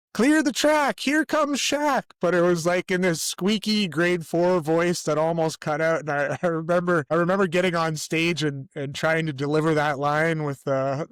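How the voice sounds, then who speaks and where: This co-host on a laid-back sports podcast is a middle-aged Canadian man who wanders through his stories, stopping to fix his own details. His slightly high, bright voice comes through cleanly, with no room sound at all.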